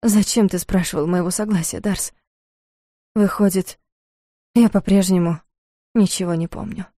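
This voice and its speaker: A woman voicing a young heroine in love, impulsive and speaking softly and intimately. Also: mid-range voice, fairly even intonation, moderate pace, dry recording, studio quality, lightly acted.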